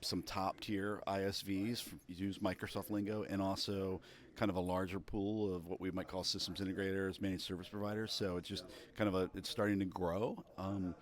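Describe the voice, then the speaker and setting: A man with a low voice answers interview questions at a busy conference. He explains in a steady, measured way, full of business terms. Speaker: interview guest, product marketing director.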